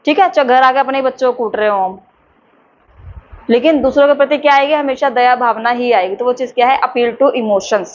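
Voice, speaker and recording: A woman teacher, lecturing a class and slowly dictating terms for notes in a chatty way. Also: high-pitched. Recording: dull lo-fi with faint background noise.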